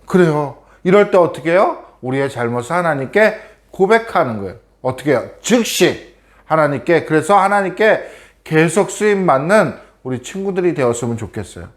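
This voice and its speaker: A man's voice: fairly high pitch, very animated, brisk, hardly any pauses. A man from Korea giving a children's sermon as a preacher, telling the story and asking the children questions.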